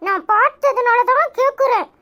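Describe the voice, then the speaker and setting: A woman's voice: very high voice, normal speed, background noise. A woman voicing a sarcastic, nagging young grandson with a Tirunelveli Tamil accent in a cartoon. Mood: scolding. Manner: nagging, mocking questions. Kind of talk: cartoon voice acting.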